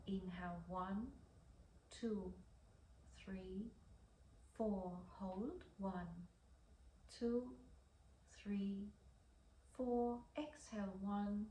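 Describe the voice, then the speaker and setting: A woman breathwork teacher leading a guided breathing exercise with slow breath counting, soft and measured, pausing between counts. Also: mid-range voice. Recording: echoey room, faint background noise.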